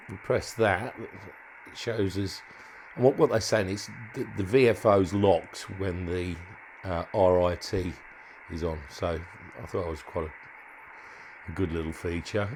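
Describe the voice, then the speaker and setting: Slow and steady in tone, a man with a low voice demonstrates modified radio gear as a hobbyist, hands-on and informal. He hesitates while thinking aloud and frequently trails off, with background noise present.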